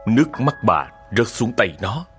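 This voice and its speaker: A man tells a ghost story. His delivery is calm but very lively in its rise and fall. Faint music plays beneath him. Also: on the low side, moderate pace. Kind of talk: scripted ghost story narration.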